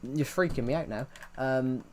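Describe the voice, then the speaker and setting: At a PC in his home, a man streams live and answers his chat out loud, drifting casually from topic to topic. His voice is medium in pitch and darkish, delivered at a normal speed over a slight hiss or hum, and his thick accent leans heavily on the R.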